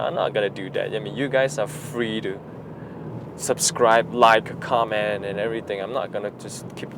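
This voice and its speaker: A man's voice: on the low side, background noise. A man, chatting unscripted in a vlog from his moving car, rambling with many fillers and restarts. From Singapore. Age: 30s. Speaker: vlogger. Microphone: action camera mounted in car.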